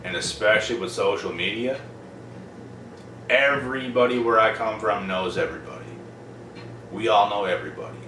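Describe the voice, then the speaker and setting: A man's voice: lowish voice, normal speed, pauses often, bright, forceful tone, distant mic. A young man, ranting bluntly and profanely in a casual vlog, repeating himself for emphasis. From Prince Edward Island, Canada. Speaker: vlogger. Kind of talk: casual monologue to camera. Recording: roomy, off-mic, noisy background.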